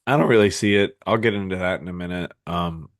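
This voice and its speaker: A man with a low voice, hiccuping as he talks sports in a loose, rambling way. He chats casually, full of ums and restarts, on a dry, close microphone. It sounds like a remote podcast call. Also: fast talker, dry recording. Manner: rambling, filler-heavy, frequent restarts. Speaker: podcast co-host. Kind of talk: casual fantasy football chat.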